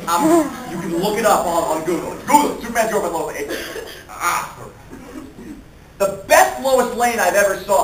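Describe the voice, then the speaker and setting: A man speaking at a fan convention panel, animated and profane, laughing often and acting out quotes, recorded in an echoey hall from far off. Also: sits high, slight background noise.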